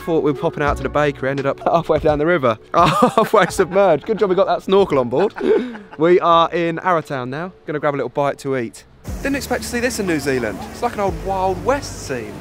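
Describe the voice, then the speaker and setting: A man's voice: on the high side, lively intonation, a little fast, over music. A young man, chatting casually and cheerfully to a handheld camera while travelling outdoors, laughing often. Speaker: travel vlogger. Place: outdoors on a road trip.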